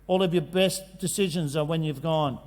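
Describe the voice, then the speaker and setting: A man gives a jokey, animated talk at a conference, acting out kids' voices. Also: on the high side, moderate pace. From Australia. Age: 50s. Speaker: conference speaker. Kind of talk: energetic presentation. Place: large conference hall. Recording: long hall reverb.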